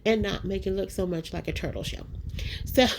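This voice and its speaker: A craft vlogger with a nasal, allergy-stuffed, mid-range voice chats through a voice-over about her project, talking fairly quickly with vocal fry. She is casual and self-deprecating, full of ums and likes, and calls her viewers y'all and guys. There is slight background noise.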